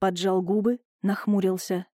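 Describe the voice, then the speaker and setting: A woman with a medium-pitched voice gives a measured, expressive scripted audiobook narration. The studio sound is clean, with no echo.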